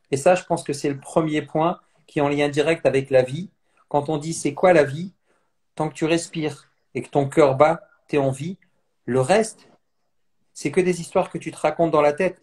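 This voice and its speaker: Mindset-trainer guest, male, fairly high voice, earnest, repeats phrases, live online chat. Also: darkish tone. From France. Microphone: phone on mobile data.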